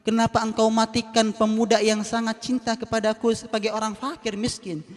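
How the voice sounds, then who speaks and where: A man's voice: high-pitched, expressive, a little fast. A male preacher voicing a blind beggar man who pleads and cries out in a sermon story. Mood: grieving. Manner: pleading, then crying out. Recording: reverberant hall.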